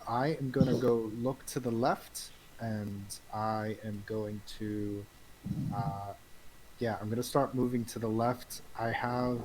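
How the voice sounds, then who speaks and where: A man's voice: fairly low pitch, a little mellow, low-quality recording. A man playing a tabletop game, talking casually and hesitantly as he thinks his turn through aloud. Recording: faint hiss behind the voice.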